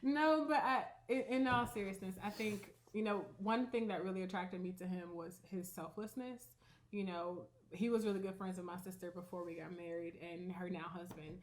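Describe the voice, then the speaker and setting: A talkative woman co-hosting a casual home vlog. She talks in quick, animated bursts and giggles often. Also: lowish voice. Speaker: vlog co-host. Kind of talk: casual chat.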